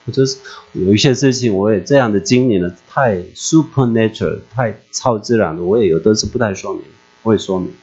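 A man preaching a personal testimony in an emotional, animated way, often asking his listeners questions, recorded dull and lo-fi with a mains hum. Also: lowish voice, a little fast.

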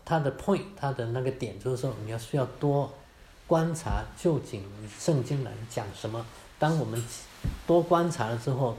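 A man's voice: mid-range voice, a little mellow, a little hiss or hum. Guy teaching a church bible class, chatty, says ha and ah a lot, roomy echo. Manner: informal, adds particles like 哈 and 啊, mixes in English words. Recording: echoey room.

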